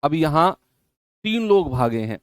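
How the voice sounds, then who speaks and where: A man teaching an online exam-prep maths lesson, explaining each step and repeating key phrases while gently scolding his students. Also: fairly high pitch, sing-song, a little slow, no echo, clean studio sound.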